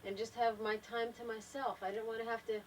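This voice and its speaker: This older woman, the wife in a family home video, reflects casually from a travel trailer, speaking thoughtfully and unhurriedly to the camera and often trailing off and restarting. Her slightly high voice is flat and brisk, far from the mic, with a little hiss or hum on a low-quality recording.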